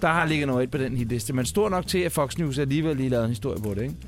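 A Danish man hosting a radio show in casual, rambling banter, reading odd classified ads aloud with deadpan timing. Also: medium pitch, over music. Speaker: radio host.

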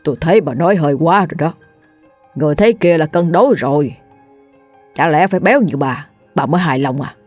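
A woman's voice: sits low, expressive, fairly quick, a little mellow, soft background music. A woman voicing a stern, hot-tempered old village father who barks bluntly in a spoken ghost story. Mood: chiding. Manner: barking, blunt.

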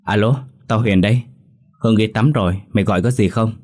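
A man's voice: on the low side, fairly quick, darkish tone, lightly acted. Brief: young woman on a call, startled and questioning, as a male narrator puts her on. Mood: alarmed. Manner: alarmed questioning.

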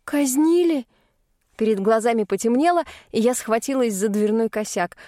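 A woman narrates an audiobook in the first person with a fairly high, mellow voice. She reads expressively, and the recording is dry and close. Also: a little fast, no room sound. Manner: expressive, indignant in dialogue.

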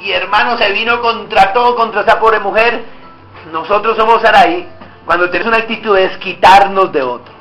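Brief: male pastor, high bright voice, dramatic sermon with voiced dialogues, echoey church hall, faint music. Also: brisk. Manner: preaches with dramatic shifts, acting out dialogues with God.

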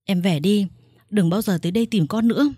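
A callous young man barks threats and orders, as a woman storyteller plays him. The delivery is loud and curt over a warm, husky voice. The recording is dry. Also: mid-range voice, fairly quick, dry recording, natural voice. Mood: threatening. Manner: harsh, threatening, dismissive. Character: man, cold, cruel young father.

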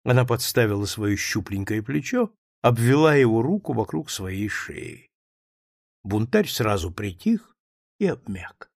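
A man's voice: lowish voice, sing-song, measured pace, vocal fry, a little mellow, dry recording, clean studio sound. A man narrating a novel as an audiobook, reading expressively.

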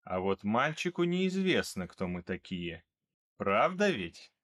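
A man reading an audiobook, voicing a cold, calm male mercenary who speaks in a flat, unhurried way. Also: lowish voice. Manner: flat, even, unhurried delivery.

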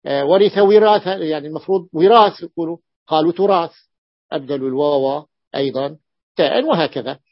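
A man teaching Arabic grammar in a classroom lecture, explaining slowly, repeating and stretching words, with long drawn-out hesitations. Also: on the high side, dry recording, dull audio.

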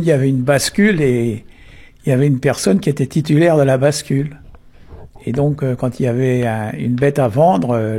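Gravelly, husky man explaining. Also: mid-range voice, warm tone. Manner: unhurried, full of tag words. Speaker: Breton language explainer. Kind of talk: explanatory talk on word origins.

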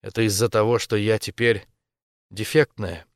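A man's voice: fairly low pitch, fairly even intonation, moderate pace, no room sound, clean studio sound, close to an everyday voice. A man voicing a young wife in an audiobook, pleading with her husband in a raised voice. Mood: hurt, unsure. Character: young woman, the narrator's wife, desperate.

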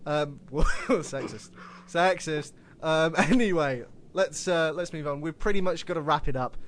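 A man's voice: a little high, a little slow, a little hiss or hum. A man hosting a casual wrestling podcast, swearing casually and laughing at his own slips. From United Kingdom. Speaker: podcast host.

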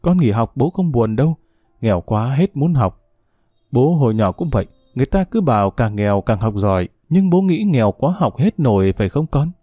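A man voicing a poor, anxious father who speaks gently and coaxingly to his daughter in a dramatic audiobook. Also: mid-range voice, sing-song, moderate pace, no room sound, studio quality. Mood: coaxing, worried.

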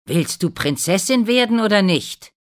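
A woman's voice: low voice, animated, measured pace. A woman doing a harsh bossy stepmother. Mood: commanding. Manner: sharp, loud, commanding.

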